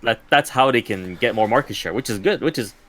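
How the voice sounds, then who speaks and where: Podcast co-host guy, skeptical and measured, voice goes up and down a lot. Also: mid-range voice, lively intonation, a bit bright. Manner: measured, skeptical, repeats words when starting. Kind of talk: casual chat.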